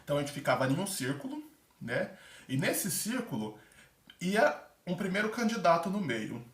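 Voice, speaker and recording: His voice is high, swinging widely in pitch at a moderate pace. In this casual advice vlog, the former theater-course applicant chats about the aptitude test, acting out small examples amid plenty of fillers. The recording has room echo and a far-off mic.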